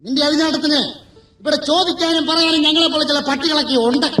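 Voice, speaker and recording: A man acts out a proud, domineering male guard dog in a stage story, taunting and threatening in a very high, strained voice. The sound comes from far off in an echoey hall, with loud music playing behind. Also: fairly even intonation, fast, slight background noise. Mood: menacing. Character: arrogant male Alsatian dog, rich bully.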